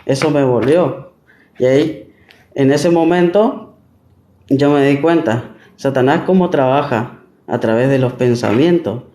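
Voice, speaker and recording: A man's voice: mid-range voice, a little slow, mellow. A man preaching a sermon, asking and answering his own questions and quoting scripture. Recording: echoey room.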